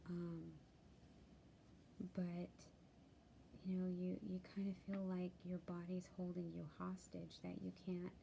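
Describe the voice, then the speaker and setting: Woman, sleepy and worried, dark husky tone, low pitch, many ums, personal vlog. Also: monotone, a little slow, long pauses, slight background noise. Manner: tired and worried, soft-spoken, many ums, drifts into whispers. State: sleepy, yawning. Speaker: vlogger sharing a health update. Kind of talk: candid personal vlog update.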